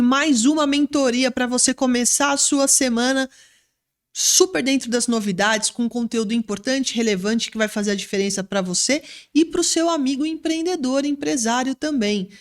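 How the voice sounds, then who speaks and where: A woman's voice: high-pitched, moderate pace. Bubbly Brazilian woman hosting a podcast. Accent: Brazilian Portuguese. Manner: enthusiastic, ironic when teasing. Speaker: podcast host. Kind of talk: lively podcast interview.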